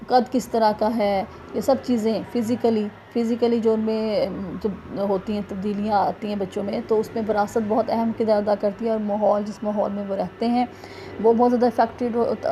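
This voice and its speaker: A woman teacher giving a revision lecture, speaking haltingly with many drawn-out fillers and self-corrections, patiently repeating points and explaining them with examples. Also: mid-range voice, dark tone, slight background noise.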